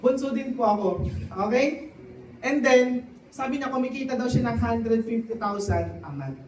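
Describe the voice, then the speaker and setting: A man giving a motivational testimony to a live audience, often turning to the crowd with quick questions. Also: very high-pitched, a little mellow, a little hiss or hum. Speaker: testimonial speaker at a sales event. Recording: echoey hall, voice from a distance.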